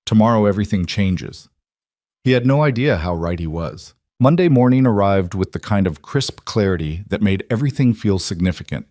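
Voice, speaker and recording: Low-voiced man narrating a story. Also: lively intonation, fairly quick, few pauses, a little mellow, no room sound, clean studio sound.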